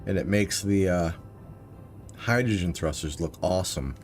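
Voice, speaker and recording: A man's voice: sits low, moderate pace, faint music behind. A man casually explaining his game to chat viewers while livestreaming, with slight hiccups. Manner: relaxed, explains as he plays, talks to viewers. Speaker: livestreaming gamer.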